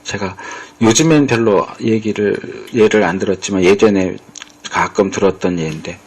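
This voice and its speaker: A man's voice: fairly low pitch, moderate pace, breathy edge. A male pastor giving a conversational sermon, acting out bits of dialogue as he explains. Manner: conversational preaching, acts out quoted dialogue.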